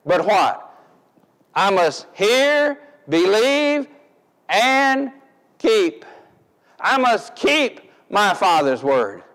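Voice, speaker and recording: Preacher, male, high voice, deliberate emphatic sermon delivery, recorded with a long church-hall reverb. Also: a bit bright. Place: church sanctuary.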